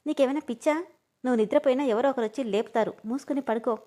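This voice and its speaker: A bossy young man in a spoken storybook, snapping short orders in clipped lines. A woman narrator voices him in her own fairly high voice, with almost no change to it. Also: very fast, mellow, close to an everyday voice. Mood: scolding. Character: gruff, bossy young man, curt but caring.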